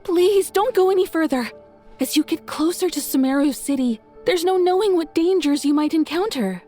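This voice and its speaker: A woman's voice: extremely high pitch, expressive, normal speed, dark tone, faint music behind. An actress playing an earnest, cautioning woman scout in a video game, speaking carefully. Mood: earnest warning.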